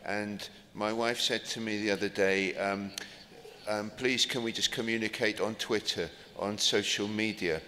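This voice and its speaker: Brief: middle-aged male moderator, low and monotone, halting closing remarks, hall reverb. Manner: halting, with ums and restarts. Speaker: panel moderator. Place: large conference hall. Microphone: table microphone. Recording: reverberant hall, faint noise.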